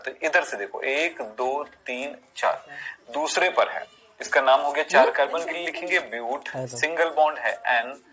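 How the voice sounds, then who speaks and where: Counting carbons aloud and asking rhetorical questions, a male teacher works step by step through a classroom chemistry lecture on naming. His voice is a little high with a sharp tone, captured on a low-quality recording.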